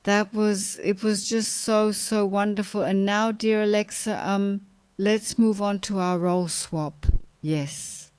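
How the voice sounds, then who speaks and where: Woman host, 50s, supportive and affirming; smooth, slightly low voice, dry recording. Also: steady tone, takes it slowly, no room sound. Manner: warm, affirming and encouraging. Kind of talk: conversational interview.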